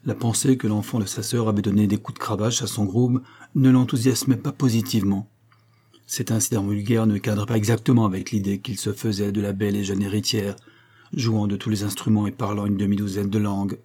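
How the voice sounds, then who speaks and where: A man reading a French novel aloud as audiobook narration, measured and even. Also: on the low side, slightly rough. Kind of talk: scripted narration.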